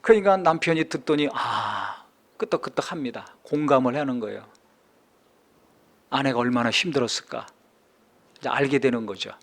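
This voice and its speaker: A man preaching a sermon as pastor, building from calm explanation to impassioned, near-shouted climaxes. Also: mid-range voice, a little fast, long pauses.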